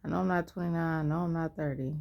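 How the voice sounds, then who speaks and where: A woman's voice: low voice, fairly even intonation, fast, creaky, lo-fi sound. A tired woman in her twenties talking candidly in a personal vlog, rambling and losing her train of thought. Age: 20s. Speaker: vlogger.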